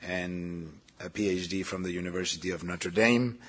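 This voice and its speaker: A man moderating a panel, introducing speakers with many fillers and pauses. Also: deep voice, a bit bright, breathy edge. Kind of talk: formal event introductions.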